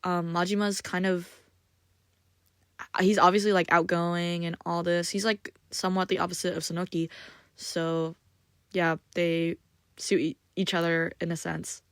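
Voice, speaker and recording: A woman's voice: fairly low pitch, steady tone, unhurried, a bit bright, smooth, no room sound, studio quality. A woman hosting her own podcast, reviewing manga in a casual, unscripted monologue full of "like" and "um," with self-conscious, apologetic asides. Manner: rambling, filler-heavy, frequent "like" and "um".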